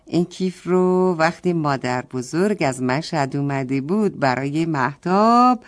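A woman's voice: sits low, expressive. A woman in narrating a children's story, addressing the kids directly as she goes.

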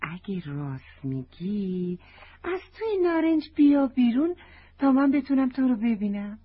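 Woman reading as a curious little girl, eager and bouncy in pitch, breathy tone, dull lo-fi sound. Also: big pitch swings.

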